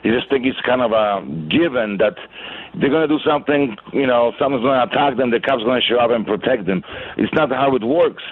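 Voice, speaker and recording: A man's voice: mid-range voice, brisk, breathy edge. A middle-aged man from Poland with a Polish accent, calling in to a radio show over a landline phone, blunt and indignant with salty language. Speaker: caller. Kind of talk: call-in radio chat. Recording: tinny phone line.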